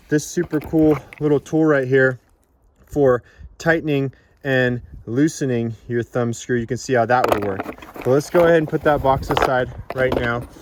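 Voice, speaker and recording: A man's voice: medium pitch, noisy background. A man giving a casual, informal product demonstration in an instructional way, as a reviewer.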